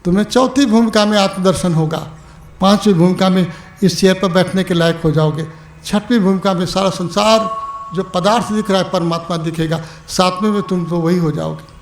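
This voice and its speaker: High-pitched, gravelly male spiritual teacher. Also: roomy sound. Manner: addresses listeners fondly as "my dear" and "my brother"; shifts between rising exhortation and soft, slowed asides. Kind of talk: evening spiritual discourse.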